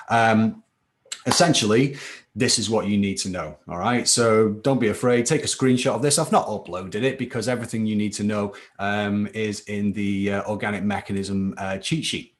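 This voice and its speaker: A man teaching chemistry in a live online class, chatty and informal, checking in with "okay?" after each point. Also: lowish voice. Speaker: chemistry tutor. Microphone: computer mic for a live stream.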